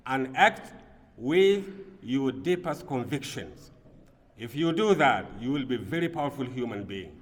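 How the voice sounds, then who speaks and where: A man from Burkina Faso giving a Friday sermon as imam, earnest, swinging between quiet passages and emphatic bursts. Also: on the high side. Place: mosque prayer hall. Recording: long reverb of a mosque hall.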